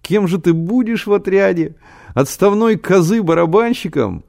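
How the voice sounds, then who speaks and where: A man voicing a cheeky, excitable young boy in a storybook reading, teasing and high. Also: moderate pace, gravelly. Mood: mocking.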